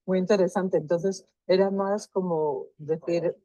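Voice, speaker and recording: Woman interviewer, low and warm, dry close sound, measured and searching phrasing. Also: steady tone, dry recording, highs cut off. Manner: measured, rephrases questions at length. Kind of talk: research interview.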